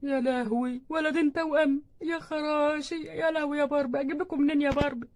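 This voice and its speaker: A woman's voice: high voice, steady tone, quick pace, darkish tone, natural voice. A woman with an Egyptian Arabic accent voicing an anxious young husband doll who frets and exclaims. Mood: dismayed. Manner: fretful and exclaiming.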